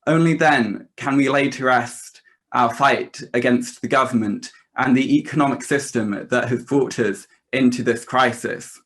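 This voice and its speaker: A man's voice: medium pitch, measured pace, fairly bright tone. A young man delivering a prepared political rally speech as a student activist, in earnest, declarative, emphatic phrases. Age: young adult.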